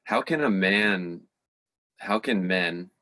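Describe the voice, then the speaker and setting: Male host, very low voice, reflective, pauses to find words. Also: animated, sharp tone. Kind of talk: conversational interview.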